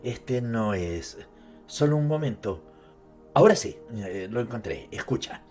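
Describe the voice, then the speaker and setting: A man's voice: medium pitch, expressive, a little slow, darkish tone. A man giving a dramatized literary narration, speaking directly to the listener with conversational asides. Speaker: narrator presenting an author's life and works. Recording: music behind the voice. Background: music.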